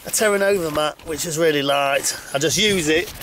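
A man's voice: fairly high pitch, fairly quick. A middle-aged man, chatting casually and exclaiming as he films himself on a windy hilltop. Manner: chatty, exclaiming, laughing asides. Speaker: hiking vlogger. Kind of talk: casual outdoor vlog chat. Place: windy open hilltop outdoors. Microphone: handheld camera at arm's length. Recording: loud wind buffeting the mic.

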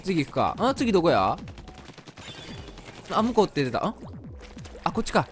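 A man with a Kansai accent giving chatty, excitable commentary while playing a video game. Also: on the high side, normal speed, slight background noise. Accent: Kansai Japanese. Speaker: game streamer. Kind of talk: let's play commentary. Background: faint game music.

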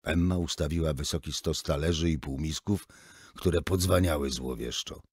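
A man narrating an audiobook in the first person, expressive and acting out the dialogue. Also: rumbling low, moderate pace, slightly rough, dry recording, clean studio sound.

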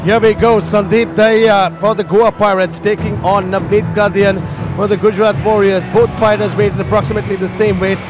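A man's voice: sits high, little pitch movement, brisk. A man calling a live mixed martial arts fight as play-by-play commentator. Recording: live arena broadcast, crowd and music behind.

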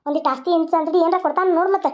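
A woman voicing a nagging, sharp-tongued older mother-in-law in a cartoon. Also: very high voice, fairly even intonation, rapid-fire. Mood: taunting. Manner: scolding, lecturing. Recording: dull lo-fi sound.

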